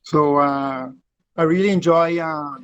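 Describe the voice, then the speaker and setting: Man living in Curacao, fairly high voice, slow and halting; dull lo-fi call sound. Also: steady tone, smooth, dry recording. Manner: slow, hesitant, many pauses. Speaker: club member. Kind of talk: casual chat on video call. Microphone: video call.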